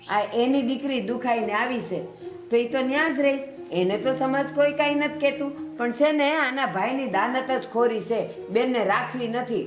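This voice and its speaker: A woman's voice: a little high, lightly acted. An actress playing a protective elderly village mother, speaking bluntly with a Kathiawadi Gujarati accent. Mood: firm. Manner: scolding, blunt. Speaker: actor. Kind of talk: village family drama acting. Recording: soft music under the voice.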